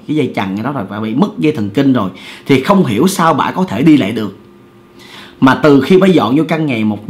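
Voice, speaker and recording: A man, hosting and casually telling a ghost story in a conversational, repetitive way that speaks directly to the listeners. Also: medium pitch. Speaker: storyteller host.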